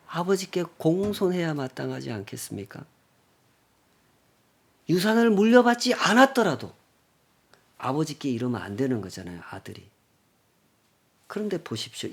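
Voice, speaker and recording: A male pastor giving a Sunday sermon, emphatic and full of rhetorical questions, dropping from loud lines to near-whispers. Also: a little high, breathy edge.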